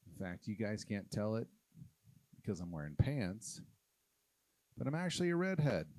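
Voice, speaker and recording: A man from Oklahoma doing a stand-up comedy set on a live stage, talking in a halting, self-deprecating way with many "uh" fillers. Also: on the low side, sing-song, dark tone, no room sound. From Oklahoma, USA.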